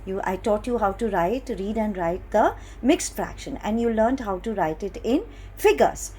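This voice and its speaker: A middle-aged woman with an Indian English accent, teaching a maths class to young children in slow, patient, sing-song teacher talk, stretching key words. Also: medium pitch, expressive, dark tone, slight background noise.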